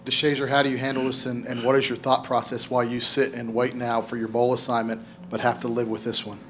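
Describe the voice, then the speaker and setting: Male reporter, rapid flat question, distant in the room. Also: mid-range voice, a little hiss or hum. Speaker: sports reporter. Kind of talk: press conference question. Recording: off-mic in a room.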